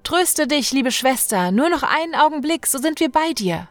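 A woman's voice: high voice, lively intonation, moderate pace, no echo, faint music behind, voice pushed up. A woman voicing a brave young brother, urgent. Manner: urgent, reassuring.

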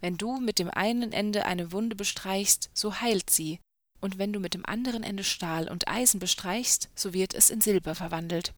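A woman booming as a boastful giant bottle spirit. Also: moderate pace, no echo, studio quality, lightly acted. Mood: grand. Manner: booming, threatening.

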